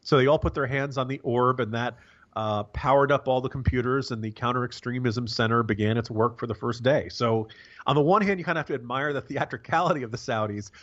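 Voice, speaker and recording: An American man giving casual, wry political commentary as a podcast co-host, halting and rambling with a sarcastic bent. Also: mid-range voice, a bit bright, lo-fi sound.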